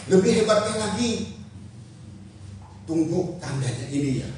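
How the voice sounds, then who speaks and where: Animated man preaching in an echoey hall. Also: a little high, unhurried. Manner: animated, calls out responses to scripture reading. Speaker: pastor. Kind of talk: sermon. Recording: echoey hall from far off, faint noise.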